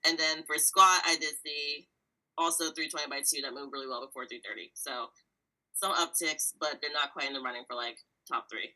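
A woman's voice: low-pitched, a little fast, pushed and bright, rough recording. A woman co-hosting a casual sports chat podcast, methodically going through numbers with small fillers. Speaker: podcast co-host.

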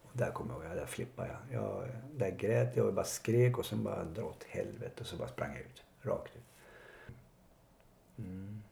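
Gravelly guy from suburbs, low voice, kinda halting storytelling, echoey room. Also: expressive, darkish tone. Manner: halting, reflective, many pauses and fillers. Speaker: interviewee. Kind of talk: personal life story interview. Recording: echoey room with faint noise.

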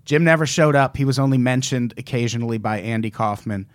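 A man's voice: medium pitch, fast, no room sound. A man co-hosting a casual podcast chat, telling a story with lots of swearing and quoting people in passing voices. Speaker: podcast co-host.

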